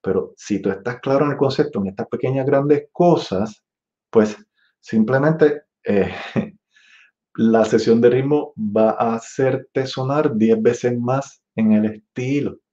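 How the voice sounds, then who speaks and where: A man's voice: medium pitch, slow pace, warm tone, highs cut off. A man in his fifties giving a music master class, chatty and digressive, scat-singing rhythm syllables to show phrasing. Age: 50s.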